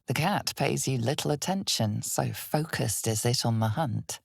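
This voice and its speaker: Low, husky and gravelly, a woman narrates a dark fantasy game at a very slow crawl, often nearly whispering, sounding ominous, knowing and a little wry. Each phrase is deliberately placed in an exaggerated, dramatic storytelling style, with no room sound.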